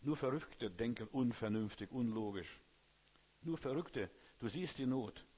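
A man's voice: mid-range voice, animated, a little slow, dark tone, breathy edge. A man preacher giving an emphatic sermon, talking straight to his listeners and often asking if they understand. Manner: emphatic, talks straight to listeners with frequent "you know?".

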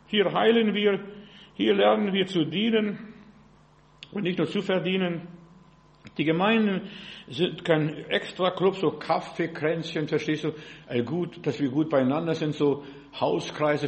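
An older man preaching as a pastor, emphatic and peppered with rhetorical questions to his listeners. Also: high-pitched. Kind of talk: sermon.

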